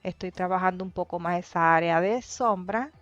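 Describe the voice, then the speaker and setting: A woman narrating a painting tutorial in a calm, explanatory way, pausing often with hesitations as she describes each step. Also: on the low side, no room sound. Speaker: painting teacher. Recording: dry, dull lo-fi voice-over with faint music.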